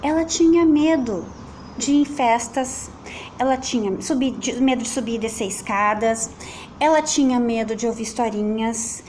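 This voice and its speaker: A woman's voice: on the high side, normal speed, a little mellow, slight background noise. A woman with a Brazilian Portuguese accent, a teacher reading a children's story aloud in a playful sing-song way. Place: at home with children and a pet nearby.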